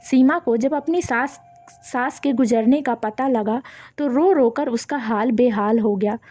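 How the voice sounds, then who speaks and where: Lady reading a family moral story, slightly high voice, does everyone's lines herself. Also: a little slow, a little mellow, faint music behind.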